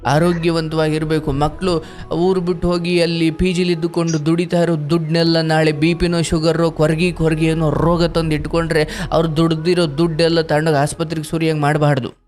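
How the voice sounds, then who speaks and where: A man counselling a caller on a live spiritual call-in show, telling a story with rhetorical questions and gentle scolding. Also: on the high side, flat delivery, a little fast, faint music behind.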